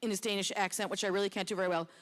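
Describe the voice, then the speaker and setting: A woman's voice: mid-range voice, fairly even intonation, very fast. A middle-aged woman presenting an award off the cuff, rambling and chatty and poking fun at herself. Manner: rambling, chatty, self-deprecating. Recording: long reverb in a hall.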